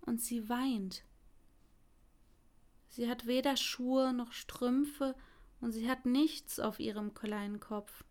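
Brief: selfless, grieving prince statue in a fairy tale, quiet and breathy, read by a woman. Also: a little high, steady tone, slow pace, long pauses. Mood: sorrowful. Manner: hushed, half-whispered.

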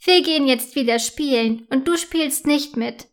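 A woman's voice: sits high, measured pace. A woman voicing a cheeky, sneering young schoolboy in a children's storybook reading.

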